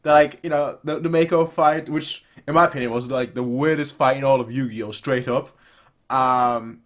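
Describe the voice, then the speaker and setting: This reaction video host is a man in his twenties with a medium-pitched, fairly even voice and a moderate pace. Recording from a small bedroom, he chats loosely, rambling and circling back to the same phrases.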